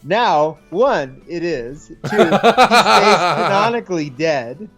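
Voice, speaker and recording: A man's voice: high-pitched, expressive, slow pace, fairly bright tone, soft background music. A man co-hosting a casual gameplay show, teasing his partner with dry jokes. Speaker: co-host commenting on gameplay.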